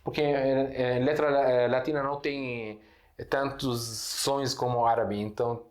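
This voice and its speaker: Syrian man, native Arabic speaker, mid-pitched, teaching a relaxed lesson with lots of fillers, recorded in a roomy echo. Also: a little slow. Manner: hesitant, many fillers and restarts, explains with examples. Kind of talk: casual online language lesson. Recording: echoey room.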